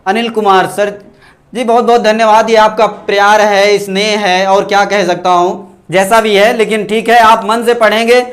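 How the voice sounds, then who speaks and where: A man's voice: sits high, flat delivery, moderate pace, a bit bright. A man teaching an online Sanskrit lesson, sounding out letters one by one and asking and answering his own questions. He also reads viewers' comments aloud and thanks them. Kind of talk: online exam-prep lesson.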